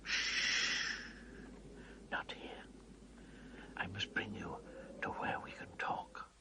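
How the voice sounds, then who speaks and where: An actor playing a fussy, kindly, secretive talking beaver who repeats himself and gives urgent warnings in a children's fantasy drama. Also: male voice, medium pitch, big pitch swings, a little fast, very noisy. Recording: music behind the voice.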